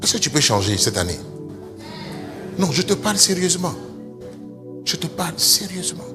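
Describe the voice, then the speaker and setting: A man pastor preaching a lively sermon, speaking straight to his congregation and pushing up into high, emphatic calls, with a few English phrases mixed in. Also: normal speed, in a large hall, over music. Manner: mixes in short English phrases. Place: church service.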